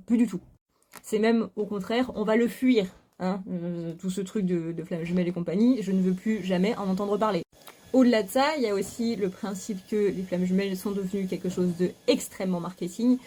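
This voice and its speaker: Talking fairly quickly in a warm, mid-range voice with fairly even intonation, a spiritual YouTuber gives a frank, casual monologue to camera at home. Her speech is packed with fillers and restarts. There's slight background noise, including a vacuum cleaner running nearby.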